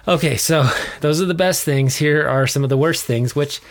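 A man's voice: fairly high pitch, moderate pace. A man with an American accent, co-hosting a podcast in a conversational style. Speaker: podcast co-host.

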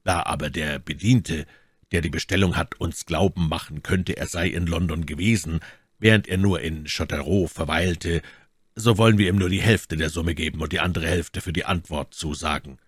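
Man doing a gloomy musketeer, deep and quiet, slow and heavy, storybook voice. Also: husky, dry recording, studio quality. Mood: measured.

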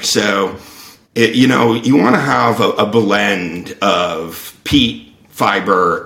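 A man explaining things at length in casual conversation, thoughtful and unhurried in his reasoning. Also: sits low, vocal fry, fairly bright tone. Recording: echoey room.

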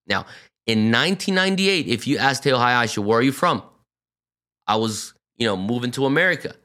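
A man in his forties from Brazil talks through his own story as a podcast guest, in an earnest and reflective way. His voice sits at a medium pitch for a man. He often stops on fillers and starts his sentences over. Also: animated, a little fast, pushed and bright. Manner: earnest, with frequent fillers and restarts. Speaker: podcast guest speaker, pastor. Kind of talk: reflective personal testimony.

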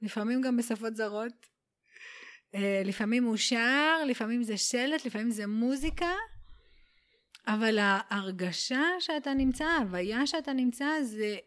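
A woman guest on a podcast, explaining spiritual ideas in an unhurried, warm way and dropping in English phrases. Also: on the high side. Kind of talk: casual explanatory conversation.

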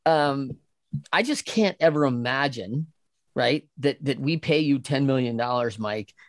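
A man's voice: mid-range voice, dry recording, clean studio sound. A man co-hosting a casual talk show, telling stories with lots of energy, acting out quoted voices and laughing often. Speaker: podcast co-host. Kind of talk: casual conversational chat.

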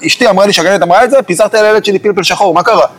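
A man hosting a casual podcast chat, excitable and jokey, with a slangy way of talking. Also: high voice. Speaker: podcast host.

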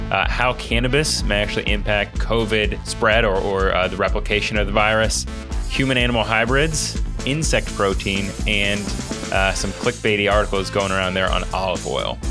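A man co-hosting a podcast with a stuffy, nasal voice from a recent illness, talking casually with frequent fillers. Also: on the low side. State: nasal voice from a cold. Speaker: podcast co-host. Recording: music playing behind the voice.

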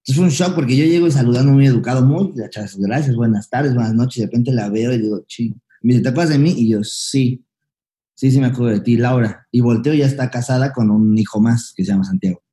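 A young Mexican man recounts his past in quick, tumbling speech, slipping into slang and acting out what people said. His voice sits very dark and low in color. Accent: Mexican Spanish. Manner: fast, slangy, acts out past dialogue. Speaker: guest, comedian. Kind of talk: candid storytelling interview.

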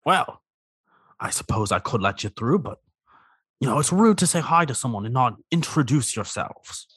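A man voicing a huge, vain, lonely crab warrior from a tabletop game in a theatrical, coy, self-flattering way. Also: medium pitch, moderate pace, slightly rough, no echo, studio quality, heavily acted. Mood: grand, coy.

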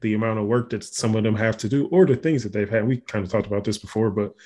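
A man's voice: fairly low pitch, steady tone, fast talker, dark tone. A man co-hosting a podcast, talking in a loose, rambling way with many restarts. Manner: rambling, frequent restarts and fillers. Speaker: podcast co-host. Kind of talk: casual conversation.

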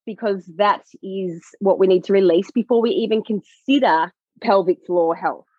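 A woman pelvic health coach explaining her work in a podcast conversation, animated and acting out what clients say. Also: medium pitch, moderate pace, breathy edge, dry recording, muffled recording. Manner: animated, acts out clients' voices.

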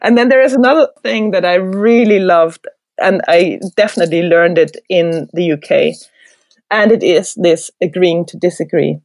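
A middle-aged German woman with a German accent, a design professor speaking as an interview guest, animated and thoughtful, laughing often. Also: fairly low pitch, normal speed, no room sound. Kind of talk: reflective conversational interview.

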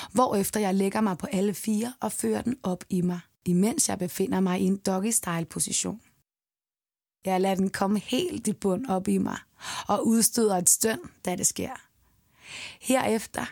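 Brief: female narrator for an intimate first-person audio story, gravelly low edges, dry. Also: darkish tone, no echo.

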